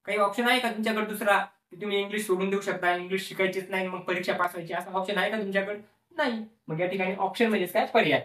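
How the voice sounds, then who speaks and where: A man's voice: high voice, fairly even intonation, rapid-fire, fairly bright tone. A male teacher explaining a lesson, repeating each word several times and asking the class questions that he then answers himself. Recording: echoey room, voice from a distance.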